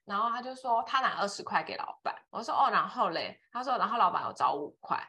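A podcast co-host telling family anecdotes in casual conversation. She is an animated storyteller who talks quickly, with a bright, fairly high voice. Her pitch swings widely, and laughter keeps breaking into her talk. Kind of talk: casual chat.

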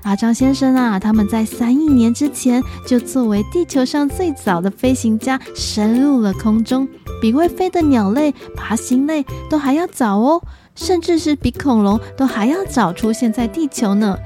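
Female kids' story narrator, high register, mellow tone, speaks as if to a toddler, light music underneath. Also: lively intonation, moderate pace. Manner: talks to small children as if reading to a toddler. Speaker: children's storyteller. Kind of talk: narrated children's story and quiz.

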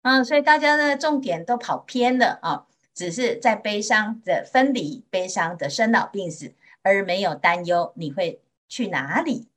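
A Buddhist nun from Taiwan giving a Mandarin sermon in a gentle storytelling manner, with drawn-out particles and a Taiwanese accent. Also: female voice, mid-range voice, expressive. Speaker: Buddhist nun teaching sutra.

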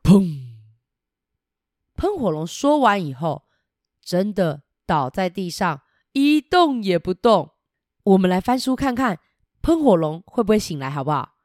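A woman storyteller, reading a picture book to children in an animated way, often asking them questions and adding playful sound effects. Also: mid-range voice, moderate pace, no room sound, studio quality.

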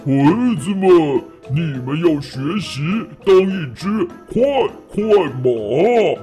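A woman doing a proud, gruff papa horse. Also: animated, takes it slowly, mellow, soft background music. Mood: boastful. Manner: gruff, lowered boastful voice. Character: proud boastful father horse, champion racer.

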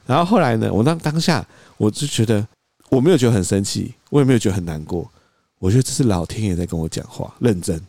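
A man, co-hosting a podcast, telling a story in an animated way and acting out quoted lines. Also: on the low side, fast talker, dry recording. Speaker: podcast co-host. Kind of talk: casual storytelling chat.

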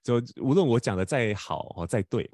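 A man's voice: medium pitch, lively intonation, normal speed, darkish tone, dry recording, studio quality. A man, hosting a podcast and telling a personal story in casual chat, often restarting words and laughing as he talks. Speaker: podcast host.

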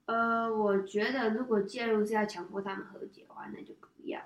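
A woman guest in a casual chat, speaking calmly and matter-of-factly. She sits well back from the microphone, so her voice carries a roomy echo and a slightly dull, muffled tone. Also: mid-range voice, a little fast, recorded from a distance. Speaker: guest, the host's daughter.

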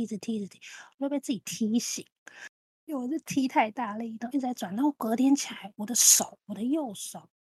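A woman in her thirties, co-hosting a podcast, tells an animated story with plenty of repeated phrases. Her voice is husky and a little breathy. The recording is dry and close. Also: on the high side, no room sound. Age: 30s. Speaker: podcast co-host. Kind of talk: casual chat.

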